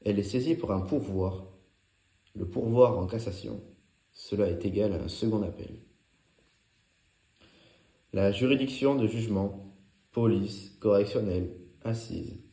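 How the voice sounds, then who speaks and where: A man with a lowish, warm voice narrates a law revision lesson, reading scripted study notes aloud in a clipped, didactic, item-by-item style. The sound is echoey and roomy.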